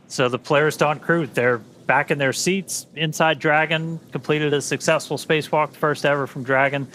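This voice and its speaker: A man co-hosting a live space mission webcast, giving an enthusiastic recap at a steady pace. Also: mid-range voice, a little hiss or hum. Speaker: webcast host. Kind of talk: live launch webcast commentary.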